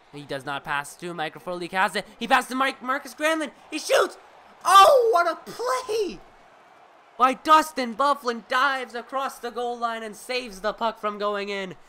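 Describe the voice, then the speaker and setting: Excitable young-sounding man calling game hockey. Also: high voice, slight background noise. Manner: excitable, bursts into loud shouts on big plays; casual and profane asides to viewers. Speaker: streamer doing play-by-play. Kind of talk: amateur play-by-play commentary of a hockey video game.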